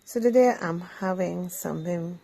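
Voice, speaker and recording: Barbadian woman vlogger, low gravelly voice, relaxed and chatty, talks between bites while explaining a home recipe. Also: moderate pace, very noisy. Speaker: vlog host. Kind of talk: casual cooking chat while eating.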